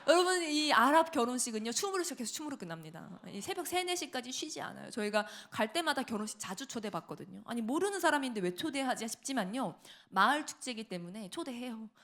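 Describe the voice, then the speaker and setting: A middle-aged woman giving a sermon testimony in a church, telling her story with lively asides and acted-out quotes. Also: fairly high pitch, quick pace, few pauses. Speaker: preacher. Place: church sanctuary.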